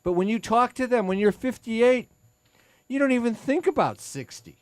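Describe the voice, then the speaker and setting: With a very high-pitched, expressive voice at a moderate pace, an attorney in his sixties hosts a legal talk radio show, chatty and self-mocking, often halting to restart a sentence. The studio mic recording from the radio studio is dry.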